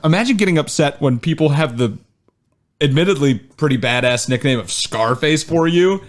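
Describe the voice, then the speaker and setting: A man's voice: a little high, expressive, normal speed. Chatty male podcast host. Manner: chatty, with frequent "uh" and joking asides. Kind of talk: casual chat, reading researched history.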